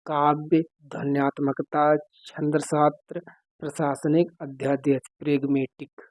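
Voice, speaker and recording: A man's voice: a little high, level tone, unhurried, dry recording. A man teaching an exam-prep lesson, working through questions step by step and often checking in with his students. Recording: dry, slightly dull recording.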